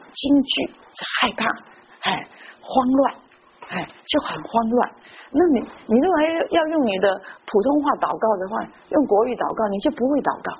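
A woman preaching a sermon, telling personal stories in a lively way full of interjections. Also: on the high side. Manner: lively storytelling with frequent interjections. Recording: muffled lo-fi recording with faint noise.

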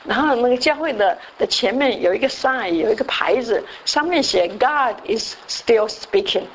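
A woman gives a sermon as a long told story. Her voice sits a little high, and she keeps dropping English words into her speech. A faint noise runs under the recording. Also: lively intonation, a little fast, poor audio. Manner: frequent "好" fillers and restarts. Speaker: church speaker.

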